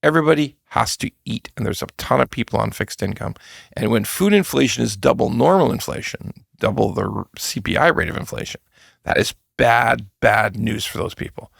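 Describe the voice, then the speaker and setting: A man's voice: medium pitch, animated, moderate pace, gravelly, a bit bright, breathy edge, no room sound, clean studio sound. A middle-aged man hosting a mortgage podcast, talking bluntly and emphatically with mocking asides. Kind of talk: casual commentary.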